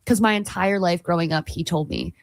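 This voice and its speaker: Lowish and fairly quick, this young adult woman's voice is recorded dry. Co-hosting a college radio morning show, she chats casually and giggles a lot, rambling with plenty of fillers, likes and restarts.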